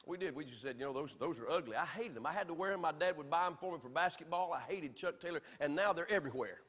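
Preaching fast and animated, a Southern pastor from Alabama gives a sermon in a high voice, swinging from loud and emphatic to soft and quiet. The church sanctuary's long reverb hangs after what he says.

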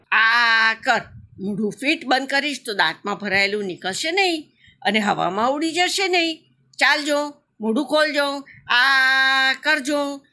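A woman's voice: a little high, pushed and bright, pitched above the performer's own voice. A woman voicing a mother crocodile in a storybook who scolds and teases her cub. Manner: scolding, then teasing. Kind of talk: storybook narration.

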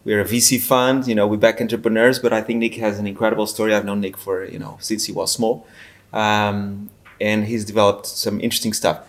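A man's voice: fairly low pitch, level tone, brisk. A man hosting a podcast interview, conversational and asking leading questions. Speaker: podcast host.

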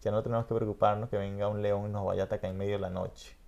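Racing along in a lowish, level, gravelly and slightly mellow voice, a middle-aged man with a Venezuelan Spanish accent hosts a podcast over lo-fi audio. He chats casually, reflecting and rambling, often asking "¿entiendes?"

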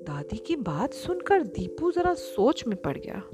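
A woman narrating a children's story in a lively, expressive way with chatty asides to the listener. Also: a little high, measured pace. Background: background music.

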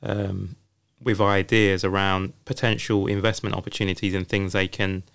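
A man's voice: low-pitched, level tone, moderate pace, creaky, fairly bright tone, smooth, dry recording. A man hosting a casual podcast chat, supportive and hesitant as he gathers his thoughts. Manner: supportive, frequent affirmations, hesitant. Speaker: host.

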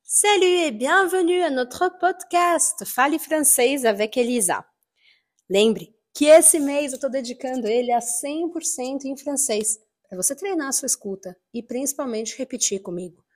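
A woman's voice: high voice, lively intonation, normal speed. A woman hosting a language lesson podcast as a teacher. She speaks carefully and repeats words for listeners to copy. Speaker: French teacher and podcast host.

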